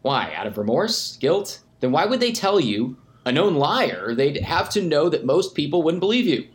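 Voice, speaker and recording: A man's voice: on the high side, very animated, moderate pace. A man voicing a sceptical, accusing male news reporter in a comedy press conference sketch.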